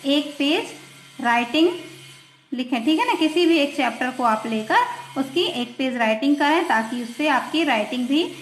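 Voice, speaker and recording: A woman's voice: high-pitched, normal speed, reverberant, a little hiss or hum, rough recording. A woman teacher giving an online grammar lesson. She repeats words patiently and checks in with her students, mixing English words into Hindi. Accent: mixes English words into Hindi. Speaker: school teacher.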